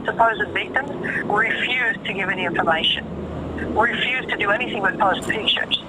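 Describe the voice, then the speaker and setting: A woman's voice: mid-range voice, moderate pace, noisy background. A woman talking casually on a phone call, emphatic and profane, repeating phrases for stress. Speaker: caller.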